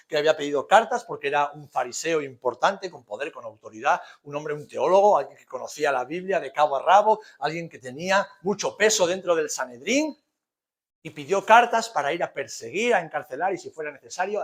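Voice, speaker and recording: A man's slightly high voice carries a conversational sermon, delivered pastor-style with a Spanish accent from Spain. Rhetorical questions, emphatic repetition and casual humour run throughout.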